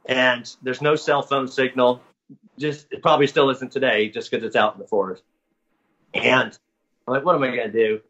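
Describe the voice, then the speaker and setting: A man talking as an interview guest, winding through his story with restarts and corrections. His tone is bright and forceful. The recording sounds muffled and lo-fi. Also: medium pitch, steady tone, moderate pace, long pauses. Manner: rambling, self-correcting narration. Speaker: guest recounting experiences. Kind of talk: casual storytelling. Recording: dull lo-fi audio.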